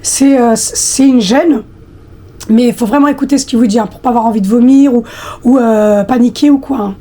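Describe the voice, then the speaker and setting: A woman in her thirties with a husky, slightly hoarse voice, chatting casually to her viewers with many hesitations. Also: a little high, normal speed, warm tone. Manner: hesitant, many fillers, talks directly to viewers. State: hoarse after flu, coughing. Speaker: lifestyle vlogger.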